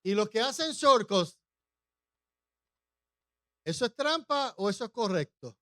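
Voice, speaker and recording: A man's voice: high voice, sing-song, unhurried, pushed and bright, dry recording, clean studio sound. A male pastor preaching a humorous sermon, often putting questions to the congregation.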